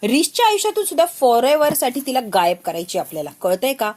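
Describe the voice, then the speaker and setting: A woman putting on a spoiled young schemer from a TV drama retold as a story, coy and babyish, acting sweet. The voice sits high and bright. She sounds sugary on top and calculating underneath. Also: very animated, quick pace. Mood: scheming.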